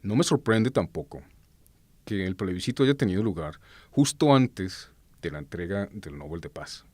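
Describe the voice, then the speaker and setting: A man born in Colombia giving earnest, unscripted political commentary, pausing often with hesitations and correcting himself as he goes. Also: sits low, expressive, a little mellow, dry recording.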